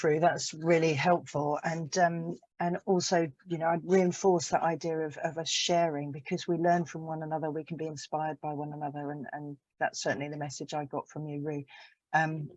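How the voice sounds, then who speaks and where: Soft-spoken woman chairing an online forum. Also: low-pitched, fairly even intonation, moderate pace, dry recording. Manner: hesitant, many fillers and restarts. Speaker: conference chair. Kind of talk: online meeting moderation. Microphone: video call. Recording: dull, dry online call audio.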